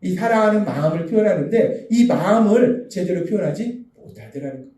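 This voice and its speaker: A man's voice: high-pitched, lively intonation, a little fast, mellow, reverberant, distant mic. A man preaching a sermon as pastor, asking earnest rhetorical questions. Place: church sanctuary.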